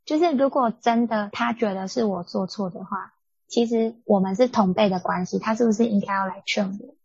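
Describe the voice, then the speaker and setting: A young woman co-hosting a podcast, telling a family story in an animated, indignant way. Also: medium pitch, a little fast, creaky, breathy edge, no echo. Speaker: podcast co-host. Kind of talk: casual storytelling chat. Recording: dull lo-fi dry sound.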